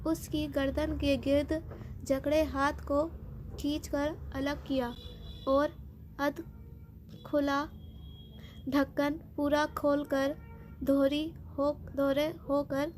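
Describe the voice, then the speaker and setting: A woman narrating a novel as an audiobook in a steady, dramatic reading. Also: high voice, pauses often, a little hiss or hum.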